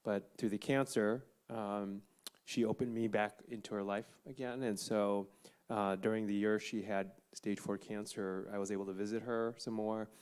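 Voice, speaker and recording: A man's voice: on the low side, fairly even intonation, normal speed, a little mellow, clear, resonant tone. A man on a conference panel telling an earnest personal story and acting out quoted family members. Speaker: panel guest.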